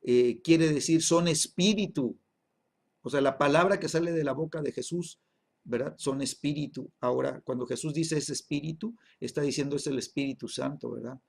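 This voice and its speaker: A man's voice: on the high side, moderate pace, creaky, husky. A man teaching a Bible lesson in an emphatic way, often checking in with his listeners through short tag questions.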